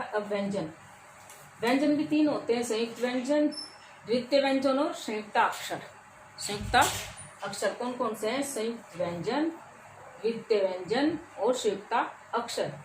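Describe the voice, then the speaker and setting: A woman teaching a grammar lesson, who asks her students questions and answers them herself, repeating the key terms. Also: a little high. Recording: echoey room with faint ambient noise.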